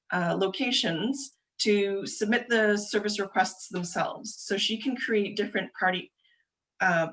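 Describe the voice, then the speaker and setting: Woman quickly explaining a webinar. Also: medium pitch, a bit bright. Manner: quick, chatty explaining with frequent um and uh fillers. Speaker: presenter for a government agency. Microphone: video call.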